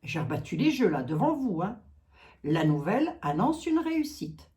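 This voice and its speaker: A woman's voice: fairly low pitch, big pitch swings, moderate pace, darkish tone. A French-speaking woman doing a card reading, chatting casually with her viewers and filling her talk with asides. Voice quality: chatty, talks to viewers, many asides and "hein". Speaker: card reader.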